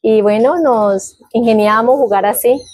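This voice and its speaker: A woman in her fifties from Guainía, with a Colombian accent, casually recalls her life in an interview, telling it vividly with diminutives and sound words. Her voice sits on the high side with a darkish tone, her pace is moderate, and there's no echo.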